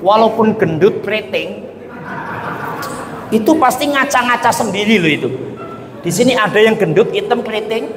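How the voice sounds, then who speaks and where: A man's voice: sits high, lively intonation, normal speed, long pauses. A man preaching a humorous sermon to a crowd, joking playfully and often asking the listeners to agree. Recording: echoey reverberant sound with faint ambience.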